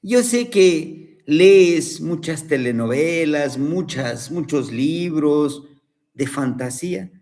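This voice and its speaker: A man's voice: fairly high pitch, animated, slow pace, a little mellow. A man voicing a busy, dismissive mother caterpillar. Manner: dismissive, impatient.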